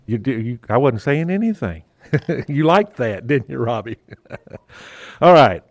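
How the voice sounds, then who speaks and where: A man chairing a city council meeting as mayor, his voice muffled through a face mask, talking haltingly with fillers and the odd joke. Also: mid-range voice, big pitch swings, no echo. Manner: halting, with fillers and restarts, lightly joking.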